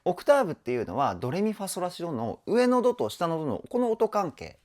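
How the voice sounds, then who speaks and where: A man's voice: sits high, big pitch swings, quick pace, darkish tone. A man working as a vocal trainer, reacting to a song with enthusiasm and explaining singing technique in casual talk. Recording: music playing in the background.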